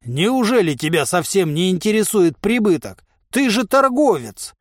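A man's voice: a little high, expressive, unhurried, dry recording, studio quality. A man voicing a proud, pompous giant of a warrior who speaks grandly. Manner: grandiose, self-important.

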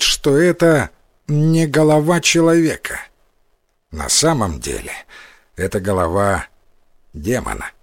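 A man voicing a humble, wry wandering priest who speaks calmly and warns quietly. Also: fairly high pitch, dry recording, clean studio sound.

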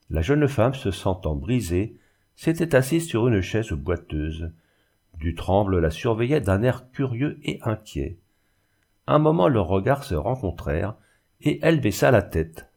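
A man narrating a classic novel in a measured, even reading. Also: on the low side, gravelly. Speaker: audiobook narrator. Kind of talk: scripted literary narration.

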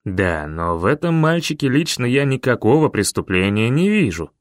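A man voicing a calm, stern older leader who speaks in a measured, grave way. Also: medium pitch, no echo, clean studio sound, natural voice.

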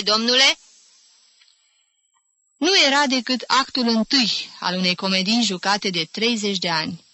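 Audiobook narrator, female, measured and clear; bright voice, dry recording. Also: medium pitch, no echo. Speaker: audiobook reader.

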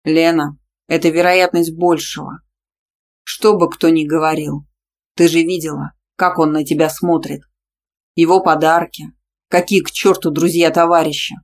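In an audiobook, a woman narrator with a steady tone and moderate pace voices a possessive, domineering young male gym teacher. The mood is stern, and she delivers him curt, low and threatening.

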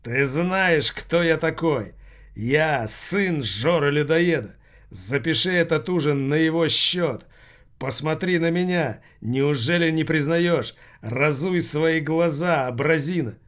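A man's voice: medium pitch, unhurried, close to an everyday voice. A man voicing an irritated man who bluffs his way through a tense dinner. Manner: irritated, insistent.

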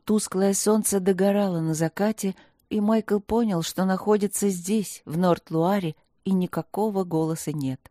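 A woman narrating a fantasy story in a steady, measured way. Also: medium pitch, no room sound, clean studio sound. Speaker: audiobook narrator.

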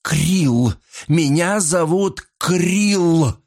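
A man voicing a furious middle-aged woman accused of crimes, shrill and screaming in an audiobook. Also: animated, unhurried. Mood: hysterical.

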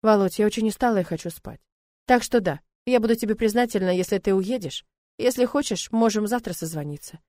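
A woman reading the part of a brisk, sharp-tongued woman economist who scolds in a tart way. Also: medium pitch, dry recording, lightly acted. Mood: tired. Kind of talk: audiobook character voice.

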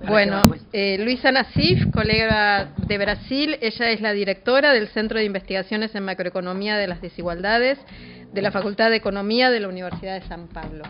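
A woman's voice: mid-range voice, a little fast. Woman moderating a panel over dull, noisy audio. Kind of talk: introducing and thanking speakers. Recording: dull lo-fi audio, faint noise.

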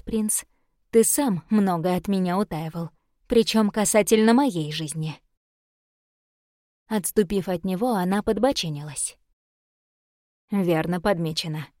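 A woman narrating a romance novel in a measured, even reading voice. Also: fairly low pitch, dry recording, clean studio sound. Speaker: audiobook narrator.

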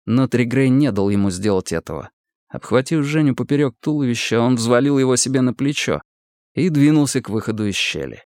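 Expressive male audiobook narrator. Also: medium pitch, brisk, no echo, clean studio sound. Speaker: audiobook reader. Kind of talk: scripted narration.

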